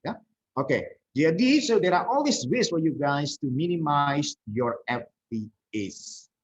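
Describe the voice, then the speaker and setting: A middle-aged man giving a university lecture, his husky voice rising and falling in lively swings as he acts out example lines. He mixes English phrases into his explanations. The recording sounds dull and lo-fi. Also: fairly high pitch, slow. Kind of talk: university lecture on politeness strategies.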